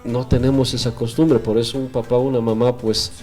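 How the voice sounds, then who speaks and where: A man's voice: medium pitch, flat delivery, a little fast, dark tone, faint music behind. A man, giving earnest faith-based family advice on a radio show with many tag questions. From Bolivia. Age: 40s. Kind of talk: radio talk with religious counsel.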